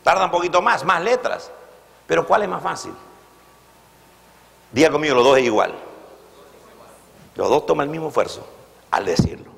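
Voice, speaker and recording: A pastor preaching a sermon, his fairly high voice rising and falling with animation. He keeps asking the congregation questions and has them repeat after him, and his voice rings out with the long reverb of a church hall. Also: expressive, normal speed, gravelly, long pauses, fairly bright tone.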